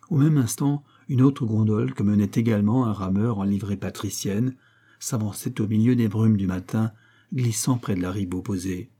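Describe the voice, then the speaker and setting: A man narrating a literary story in a measured, expressive reading style. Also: lowish voice, breathy edge. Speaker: audiobook reader.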